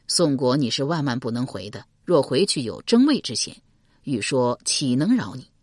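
A woman plays a shrewd statesman in an audiobook, speaking in a measured, authoritative way with a lively rise and fall. The voice is husky and recorded dry and close. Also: very deep voice, dry recording, full character voice. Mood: advising. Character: shrewd, calm male chancellor, middle-aged. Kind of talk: audiobook character voice.

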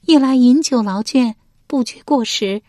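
A woman narrator voicing a proud young noblewoman in a historical novel reading, evasive and defiant, her lines shrill and pleading. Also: measured pace, dark tone, no echo, clean studio sound. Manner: shrill and pleading, rising into wails.

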